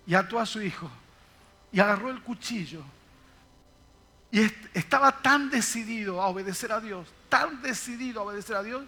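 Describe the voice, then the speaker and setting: A man's voice: high-pitched, sharp tone. An older man, a pastor, preaching a sermon to his congregation in an emphatic, repetitive way. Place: church service.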